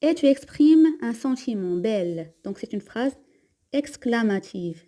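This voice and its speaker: A Moroccan woman with a fairly high, animated voice and dark tone teaches French grammar, mixing Moroccan Arabic and French. She repeats example sentences slowly and then explains them quickly.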